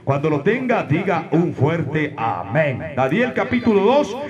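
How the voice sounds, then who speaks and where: High, lively preacher man shouting. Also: unhurried, highs cut off, a crowd in the background. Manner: emphatic, preaching with rhetorical questions and sudden shouts. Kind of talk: sermon. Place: church service with a congregation. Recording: live church recording with congregation noise.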